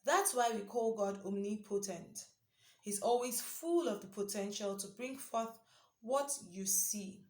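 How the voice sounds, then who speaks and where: A young woman talks through a devotional reading in a relaxed, earnest way, as if thinking aloud to a friend. Her voice sits at an ordinary middle pitch, and the room gives it a noticeable echo. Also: unhurried. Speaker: devotional speaker. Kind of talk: casual devotional reflection. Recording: roomy echo.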